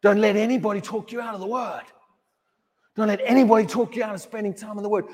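A man with a fairly high voice preaches in a church, pressing his points with questions and repeated words. A long reverb trails after each phrase. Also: fairly even intonation, fast, a little mellow. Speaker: pastor. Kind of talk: sermon.

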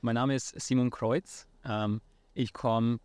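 A startup founder in his thirties from Franconia, near Nuremberg, speaks as a casual interview guest with a Franconian German accent, hesitant and full of fillers and restarts, mixing in English words. His medium-pitched voice moves slowly with fairly even intonation. The tone is a little mellow and clean, with no echo.

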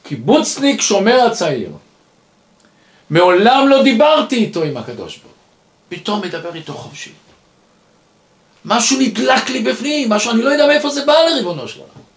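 A man's voice: extremely high pitch, big pitch swings, pauses often, voice pushed up, heavily acted. A man voicing a distraught young male kibbutznik who pleads emotionally as he tells his story. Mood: pleading. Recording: roomy echo.

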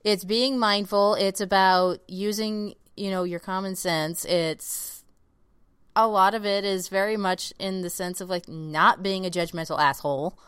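A woman with a smooth, resonant voice co-hosting a podcast in casual chat. She speaks frankly and emphatically, with casual swearing. The sound is dry and close, with no room echo. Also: mid-range voice, steady tone, measured pace, fairly bright tone. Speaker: podcast co-host.

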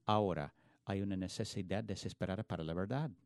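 A man's voice: low-pitched, a little fast, darkish tone, dry recording, studio quality. A man preaching a sermon in an earnest, emphatic way, often restarting words mid-phrase. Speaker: pastor.

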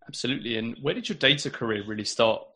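A man's voice: mid-range voice, expressive, fast, sharp tone, slightly rough. A man hosting an interview, friendly and casual, often restarting his sentences. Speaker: host.

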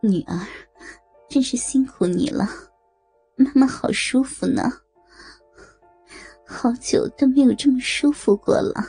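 A woman voicing a middle-aged mother who speaks in breathy, pleading, high tones, in a told story. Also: animated, unhurried, pauses often, mellow, no echo, soft background music, full character voice. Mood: tender.

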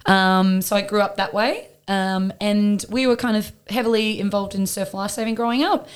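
A woman's voice: medium pitch, steady tone, normal speed, clear, resonant tone. Effusive Australian woman guest. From Newcastle, Australia. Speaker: podcast guest. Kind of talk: casual chat.

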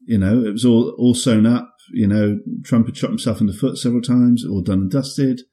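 A man's voice: mid-range voice, fairly even intonation, moderate pace, warm tone. A man co-hosting a podcast in casual banter, with a dry, wry, joking manner. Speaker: podcast co-host.

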